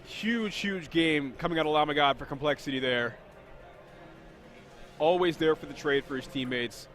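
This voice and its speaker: A man doing live play-by-play commentary on a competitive video game match, energetic and quick, sometimes correcting himself mid-sentence. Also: on the high side. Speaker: esports commentator.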